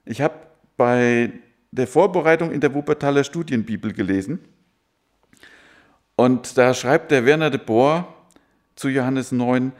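A man's voice: mid-range voice, a little slow, pauses often. A man preaching a sermon who keeps asking his listeners rhetorical questions.

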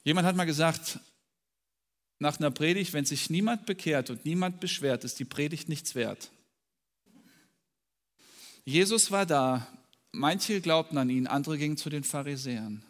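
A man delivers a sermon in German with a fairly high-pitched voice, dropping low and then rising loud when he quotes scripture. The sound rings with the long reverb of a church hall. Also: normal speed, pauses often. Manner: dramatic, swings from soft to loud when quoting scripture. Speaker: preacher.

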